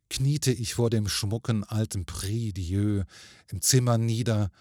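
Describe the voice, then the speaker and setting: A man narrating a ghost story in a measured, grave manner. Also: on the low side, darkish tone, husky, no echo, clean studio sound.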